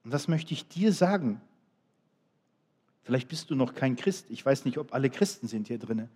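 A middle-aged man delivers a sermon in a warm, dark voice. He builds to loud, emphatic appeals and then falls to hushed, quiet remarks. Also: mid-range voice, animated, moderate pace, husky. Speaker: preacher.

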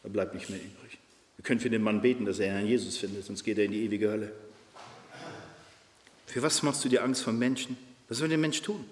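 A man preaching a fervent, emphatic sermon, leaping between loud high peaks and low hushed tones. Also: fairly quick, pauses often, a little hiss or hum. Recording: reverberant hall.

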